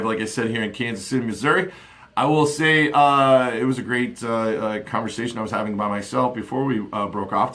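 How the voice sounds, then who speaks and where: A man in his forties hosts a casual live stream from a small home office, using a desk studio mic and headphones. His voice is fairly low and fairly bright, and he rambles chattily with plenty of fillers.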